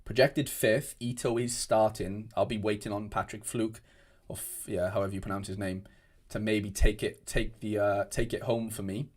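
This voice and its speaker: A young Welsh man streams from his desk in a room at home, chatting casually and answering viewer comments. His voice sits on the low side with a steady tone and normal speed, and though he rambles and restarts often, he pauses little.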